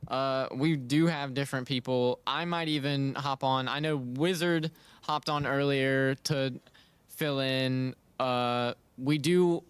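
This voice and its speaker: A man giving relaxed, rambling play-by-play commentary on a college esports match. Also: mid-range voice, slow pace, clear, resonant tone, dry recording. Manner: relaxed, rambling, filler-heavy. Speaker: esports caster. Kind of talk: casual game commentary.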